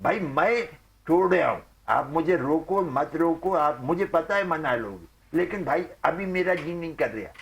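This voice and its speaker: Man, sports journalist, theatrical, indignant, loud outbursts, slightly high voice. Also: animated, unhurried, few pauses. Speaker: senior sports journalist, panelist. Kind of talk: dramatic emotional talk-show rant.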